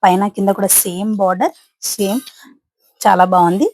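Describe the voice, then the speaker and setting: A woman's voice: medium pitch, moderate pace, a little mellow, no echo, poor audio. A woman showing off sarees to her viewers in a chatty, repetitive selling patter, recorded on a phone. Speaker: saree seller. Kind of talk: casual product showcase.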